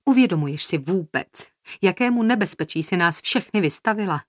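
A cutting, resentful woman whose anger spills into sharp, loud outbursts, as a female narrator reads her. The voice is lowish and sounds close and dry. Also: animated, no echo, close to an everyday voice. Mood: angry. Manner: harsh, raises her voice in anger. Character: angry hostile woman, bitter and cutting.

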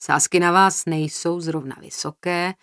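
A woman's voice: lowish voice, steady tone, a bit bright, clear, resonant tone, no room sound, studio quality. A woman voicing a young man speaking with amused mockery, in an audiobook reading. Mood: mocking. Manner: amused, mocking. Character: smirking young man, mocking and casual.

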